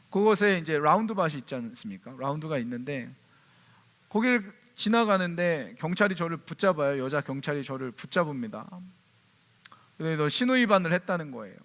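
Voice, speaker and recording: Pastor preaching with rhetorical questions, echoing hall. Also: male voice, a little high. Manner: lively storyteller, asks the congregation rhetorical questions. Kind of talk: sermon with personal storytelling. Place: church hall. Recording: long church hall reverb.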